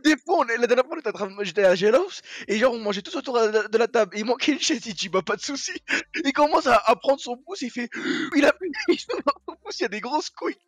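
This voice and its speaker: A man's voice: very high voice, big pitch swings, quick pace, a bit bright, no echo. A streamer bantering with a friend, teasing and laughing as he tells a story about him. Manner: teasing, laughing while telling.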